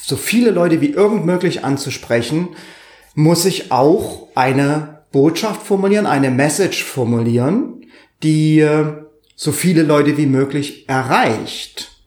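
Sonorer, samtiger Männerstimme-Podcaster in halligem Raum. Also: male voice, on the high side, lively intonation, measured pace, darkish tone. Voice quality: sonorous, velvety voice. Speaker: podcast co-host. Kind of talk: conversational podcast discussion. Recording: roomy, echoing sound.

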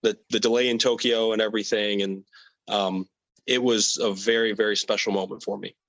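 A young man with a lowish voice that sits close and dry on the mic, without room sound. He answers in an easygoing, casual way and often restarts words and adds fillers. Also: a little fast, no room sound, muffled recording. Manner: relaxed, with frequent fillers and repeated words. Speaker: athlete guest.

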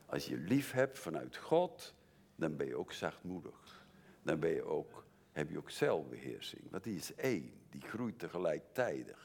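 An older man preaching a sermon in an earnest way, moving from quiet confession to emphatic warnings. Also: extremely low pitch, big pitch swings, moderate pace, gravelly, husky. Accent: Dutch.

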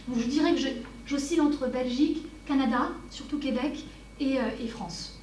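A woman researcher presents on a conference panel and then takes questions, often restarting and hesitating. Her voice is high-pitched at a normal speed, and the recording of this academic talk and Q&A is very noisy.

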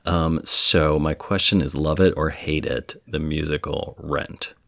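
Playful podcast host, a man with a very deep, gravelly voice. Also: fairly even intonation, a little slow, a bit bright, dry recording, studio quality. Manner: playful, asks questions. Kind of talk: casual chat.

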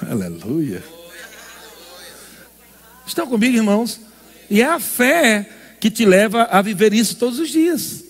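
Pastor guy preaching hard, high voice, bouncing all over, calls out to the crowd. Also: huge pitch swings, measured pace, long pauses, in a large hall. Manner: emphatic, call-and-response preaching. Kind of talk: sermon.

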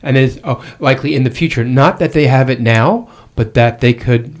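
Encouraging talk-show host, mid-pitched man. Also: background noise. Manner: encouraging, quick to chime in with agreement. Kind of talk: casual radio chat.

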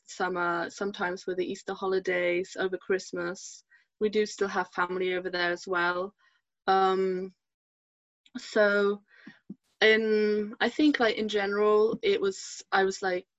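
A woman's voice: mid-range voice, little pitch movement, unhurried, no echo, muffled recording. A woman in her twenties from Germany, a podcast guest chatting casually and hesitantly, full of fillers and restarts. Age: 20s. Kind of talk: casual interview chat.

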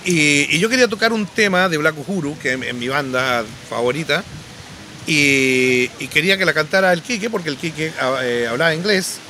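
A man, a podcast guest and musician, telling anecdotes casually with lively restarts. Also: on the high side, normal speed, slight background noise. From Chile. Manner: animated anecdotes, frequent restarts. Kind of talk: casual storytelling.

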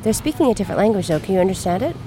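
A woman's voice: medium pitch, lively intonation, racing. Tipsy woman host in a noisy park. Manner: chatty, laughs easily. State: a little tipsy. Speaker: podcast host. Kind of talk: casual chat. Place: outdoors in a city park. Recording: clear street noise behind. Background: city traffic noise.

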